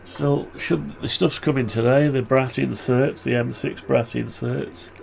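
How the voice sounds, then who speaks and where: A hobbyist presenter mutters to himself through a casual tutorial, his voice muffled and nasal from the flu and weary. He speaks at a measured pace with medium pitch, fairly even intonation, and a creaky, darkish tone.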